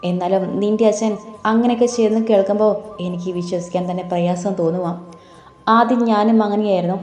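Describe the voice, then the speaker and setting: A man's voice: high voice, lightly acted. A woman voicing a confident, teasing young man who protects his family. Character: young man, bold and protective older brother. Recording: echoey room, soft music behind.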